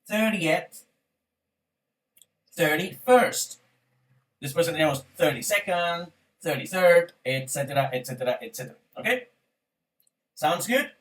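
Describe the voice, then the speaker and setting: A man leads a language lesson at an unhurried pace, drilling the class and tossing out quick praise. His voice sits high, and he sounds somewhat distant from the microphone. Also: a bit bright. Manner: upbeat and encouraging, frequently praising and asking "ok?". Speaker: English teacher. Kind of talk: online language lesson with repeat-after-me drills.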